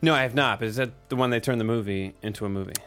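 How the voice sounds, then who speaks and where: A man's voice: medium pitch, racing, faint music behind. A man co-hosting a podcast, chatting loosely about recording a song, with plenty of fillers. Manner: relaxed, rambling with fillers. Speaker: podcast co-host, drummer. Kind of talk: casual chat about their record.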